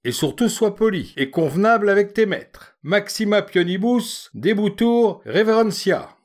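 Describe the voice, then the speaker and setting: Male reader as a solemn, pompous sham uncle who lectures; raised, pitched-up delivery, storybook. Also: expressive, measured pace. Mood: solemn lecturing. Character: pompous mock-Latin quoting man posing as uncle.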